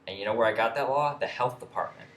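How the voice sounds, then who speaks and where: A man's voice: medium pitch, fast, fairly bright tone. A young man telling a story in a rambling, profane way, with many restarts and fillers. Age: young adult. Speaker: vlogger. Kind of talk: casual storytelling rant. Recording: echoey room with faint ambient noise.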